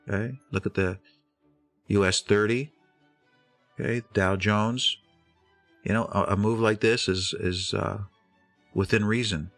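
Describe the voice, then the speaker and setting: A man hosting a live trading stream, talking through charts in a loose, rambling way full of fillers and quick asides. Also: sits low, creaky, a bit bright, no echo. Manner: rambling, filler-heavy, breaks into voiced quotes. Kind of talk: casual market commentary.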